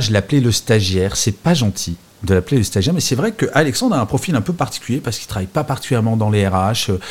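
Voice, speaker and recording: A male host who talks with a lively, bouncing pitch. He is chatty and self-mocking, and he often stops to correct himself before carrying on. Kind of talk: live show hosting, casual chat.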